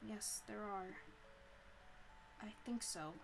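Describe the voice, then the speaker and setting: A woman voicing a gentle but quietly disturbed male bird professor in a visual novel, speaking softly and haltingly. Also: medium pitch, gravelly, soft background music, poor audio. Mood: subdued. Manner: soft, subdued, halting. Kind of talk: reading a visual novel aloud.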